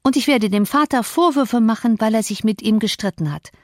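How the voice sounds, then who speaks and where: A woman doing a headstrong teenage girl, higher voice. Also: no echo, clean studio sound, close to an everyday voice. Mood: reproachful. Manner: quick, indignant questioning.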